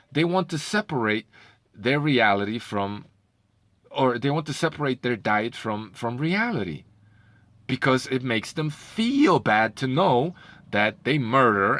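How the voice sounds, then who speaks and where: A man's voice: medium pitch, sharp tone. A man giving a heated, profane rant as a video commentator, often stumbling over repeated words. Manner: heated, profane, repetitive ranting with stammered restarts. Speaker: commentary vlogger.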